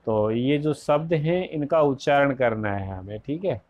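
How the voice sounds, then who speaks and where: A male school teacher giving a recorded lesson, pronouncing each word slowly and repeating it clearly for children. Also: mid-range voice, no echo, muffled recording. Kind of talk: slow recorded classroom lesson.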